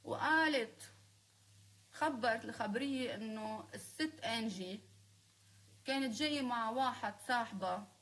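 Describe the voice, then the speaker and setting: Lebanese woman, high voice, live-stream rant: confrontational, scolding, sarcastic. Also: a little slow, long pauses, fairly bright tone. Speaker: singer speaking on a live stream.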